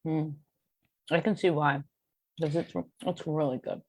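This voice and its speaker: Podcast guest, woman, low voice, chatty and self-deprecating, dry close mic. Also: fairly even intonation, a little slow, a little mellow, no echo. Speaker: guest, cartoonist and beer educator. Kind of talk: casual podcast chat.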